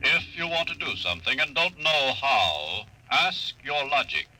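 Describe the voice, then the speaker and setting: An emotionless computer service from old-time radio drama, with a middle-pitched, very bright and cutting voice. It recites answers formally, like an announcer, over light vintage broadcast noise. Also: male voice, unhurried, heavily acted, rough recording. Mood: impassive, matter-of-fact. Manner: flat, formal announcer-like delivery. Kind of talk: 1950s radio drama acting.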